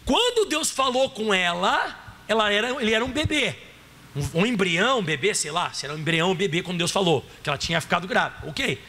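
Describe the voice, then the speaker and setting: A man's voice: sits high, sing-song, brisk, sharp tone. A Brazilian man preaching a sermon as pastor, rising and dropping dramatically and acting out quoted voices. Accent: Brazilian Portuguese. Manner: preaching with dramatic rises and drops, acting out God's voice.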